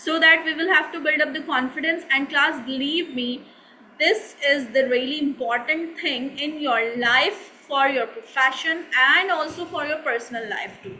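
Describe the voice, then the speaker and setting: High, bright Pakistani woman teacher. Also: a little hiss or hum, poor audio. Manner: mixes Hindi-Urdu and English, often checks in with "ठीक है?"; slows down to model English words. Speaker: spoken English teacher. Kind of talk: recorded course lecture.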